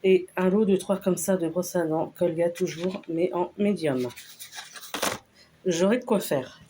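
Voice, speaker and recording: Slow, low-voiced woman chatting a haul. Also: mellow, a little hiss or hum. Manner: unhurried, hesitant with many fillers. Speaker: vlogger showing a store haul. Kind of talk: casual haul video chat.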